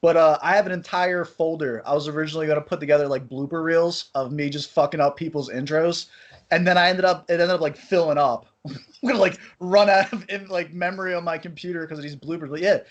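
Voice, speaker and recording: Man on a voice chat call, slightly high voice, dull lo-fi sound, casual interviewer. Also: fairly even intonation, quick pace. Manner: loose and casual, swears, restarts words. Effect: remote voice over an online voice-chat call.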